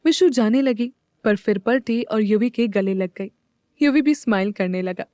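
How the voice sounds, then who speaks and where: Mellow-voiced woman narrating a story. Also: a little high, normal speed, no room sound, studio quality. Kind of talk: scripted audio story narration.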